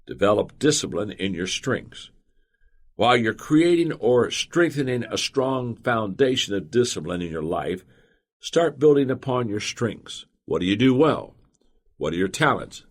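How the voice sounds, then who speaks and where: A man reading a motivational audiobook in the first person, earnest and measured. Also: medium pitch, sing-song. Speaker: audiobook narrator. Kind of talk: scripted audiobook narration.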